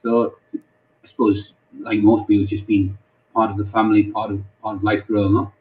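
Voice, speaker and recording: On tinny, phone-like call audio, a football club chaplain from North East England speaks in a fairly low, level-toned voice. Giving casual interview answers, he's halting and repeats words often.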